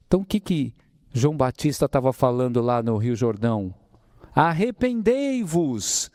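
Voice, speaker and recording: In a spiritist center hall, a medium-pitched man preaches with energy in a Brazilian accent from the São Paulo interior. He calls his listeners brothers and fills his lecture with rhetorical questions, and the studio-quality audio has no echo.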